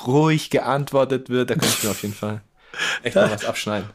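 A man who is a guest rapper, chatting casually in a relaxed, slangy way over low-quality remote stream audio. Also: brisk. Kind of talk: casual podcast chat.

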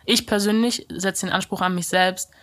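A woman hosting a podcast, talking in a relaxed, reflective way with plenty of casual fillers. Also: medium pitch, moderate pace. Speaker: podcast host. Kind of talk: casual chat.

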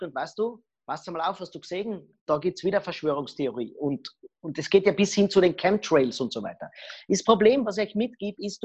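A middle-aged woman speaking as a guest expert on body language, telling lively stories full of acted quotes. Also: on the low side, slightly rough. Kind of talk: podcast interview.

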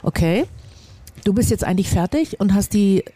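A man's voice: high-pitched, expressive, normal speed, mellow. A man telling a personal story in a casual chat on a small balcony, earnest and confessional. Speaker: podcast co-host.

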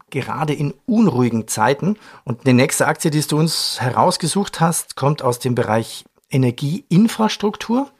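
A man's voice: mid-range voice, gravelly, husky. A man hosting a finance interview, asking questions in a conversational, joking way. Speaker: interviewer, show host.

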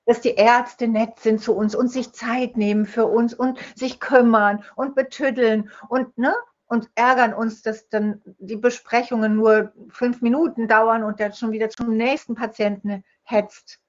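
A woman's voice: a little high, fairly even intonation, measured pace. A woman guest in a conversational interview, explaining her ideas through vivid stories and acting out the voices of the people in them. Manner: storytelling, acts out quoted speech. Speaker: guest, holistic dental health speaker. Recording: dull lo-fi sound.

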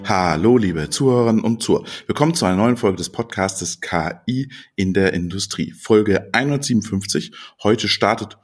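A man reading a podcast's opening announcement in a brisk, announcer-like way. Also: on the low side, expressive, faint music behind. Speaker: podcast host. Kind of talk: scripted show intro.

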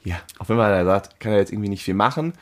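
A man in casual chat, telling an animated story and acting out the phone calls in it. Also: lowish voice, rapid-fire.

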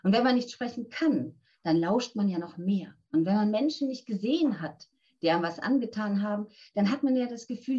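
A woman in her fifties speaks as a voice coach, earnest and direct, handing out practical advice to the listener. Her voice sits at an ordinary pitch for a woman, and the recording sounds a little dull and lo-fi. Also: mellow. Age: 50s. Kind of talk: interview answers, coaching tips.

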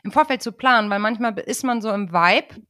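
Woman host, lively and affirming, dry close sound. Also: fairly high pitch, dry recording. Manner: lively, affirming, quick questions. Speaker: podcast host, interviewer. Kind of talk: casual interview talk.

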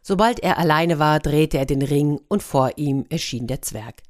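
A woman narrating a fairy tale in a calm, measured audiobook reading. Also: low-pitched.

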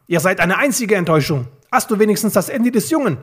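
A shrill, strained voice of an older villain losing his temper and berating his underlings, voiced by a man. It sits high and sounds husky. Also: sing-song, fast, fairly bright tone, full character voice. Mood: angry. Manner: scolding, insulting. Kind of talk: audiobook reading.

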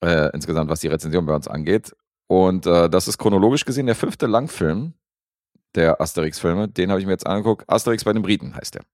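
Low-voiced guy rambling through a film review, lots of ums, dry close sound. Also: fast talker, dry recording. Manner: relaxed, rambling with frequent fillers. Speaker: podcast co-host reviewing films. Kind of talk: casual chat.

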